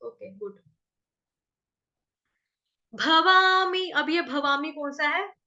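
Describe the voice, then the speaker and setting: A woman teaching Sanskrit verse pronunciation, patiently repeating syllables, chanting lines slowly and asking if everyone follows. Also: sits high, animated, sharp tone, muffled recording. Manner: patient, repeats syllables and asks checking questions. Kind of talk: recitation lesson with chanted verse examples.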